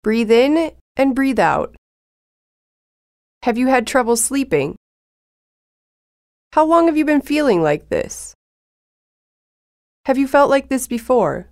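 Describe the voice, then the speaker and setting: For language learners, a woman with a slightly high, lively voice reads practice phrases slowly and clearly. Her careful, even delivery resembles a lesson track, recorded close and dry with no echo.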